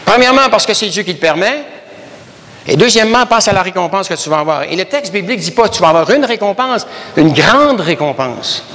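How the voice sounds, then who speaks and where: A man's voice: high-pitched, lively intonation, fairly quick, sharp tone, in a large hall. A man from Canada with a Québécois accent, preaching a sermon emphatically and repeating phrases, addressing the congregation as brothers and sisters. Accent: Québécois French. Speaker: pastor.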